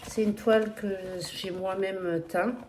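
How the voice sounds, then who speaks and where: Slow, hesitant woman chatting about stitching. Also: medium pitch, steady tone, noisy background. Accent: non-standard accent in French. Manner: hesitant, chatty, apologetic, with fillers. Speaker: cross-stitch vlogger. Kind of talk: casual flosstube progress update.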